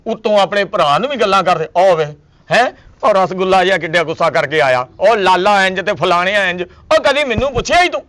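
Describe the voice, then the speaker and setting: An exasperated husband, played by a man in a comedy sketch. His voice sits high as he lectures his family. He makes his points with jokes and old sayings. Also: bright, forceful tone. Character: husband defending himself against a suspicious wife, with comic wordplay.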